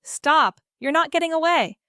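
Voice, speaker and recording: A woman voicing a bold, impulsive teenage girl who shouts her lines. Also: sits high, expressive, normal speed, no room sound, studio quality, voice pushed up. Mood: shouting.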